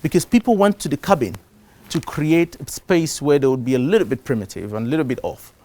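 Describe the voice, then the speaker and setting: A middle-aged man from Cameroon giving a live talk to a conference audience. He gets louder to stress his points, then drops down again. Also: fairly high pitch, brisk. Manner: animated, shifts loudness for emphasis. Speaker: conference speaker. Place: conference stage before an audience.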